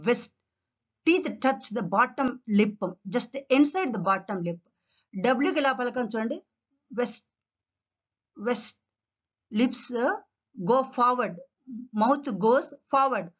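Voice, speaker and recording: A woman teaching English pronunciation to children, who speaks in a Telugu accent, slowly repeats each word several times and mixes Telugu with English. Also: a little high, dull audio. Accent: Indian English, Telugu. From India. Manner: mixes Telugu and English, calls pupils "amma".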